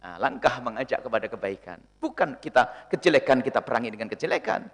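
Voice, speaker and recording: A male preacher answering questions in a sermon, animated and often acting out the people he quotes. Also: mid-range voice, fast talker. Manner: animated, acts out quoted speakers.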